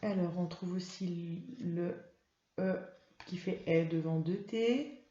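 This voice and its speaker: A woman's voice: fairly low pitch, slow, dark tone, echoey room, muffled recording. A woman primary school teacher giving a lesson to young children, patiently spelling out words.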